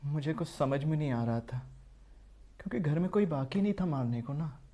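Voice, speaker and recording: A man performing an audition monologue as an obsessed young man who kills his family, in an intense, brooding delivery that slowly turns unhinged. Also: fairly high pitch, lively intonation, highs cut off. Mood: obsessive. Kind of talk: dramatic monologue.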